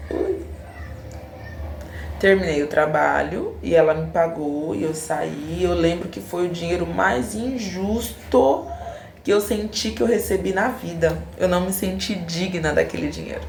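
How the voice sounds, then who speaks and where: Brazilian woman in her 40s, deep gravelly voice, emotional storytelling vlog, echoey room. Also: measured pace, a little mellow, a little hiss or hum. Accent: Brazilian, São Paulo. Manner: emotional, reflective, re-enacts dialogue. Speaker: braider telling a personal story. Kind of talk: casual personal storytelling.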